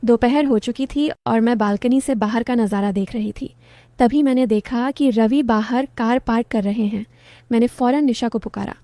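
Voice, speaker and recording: A woman narrating a romantic family story in the first person, calm and even. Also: a little high, moderate pace, dry recording.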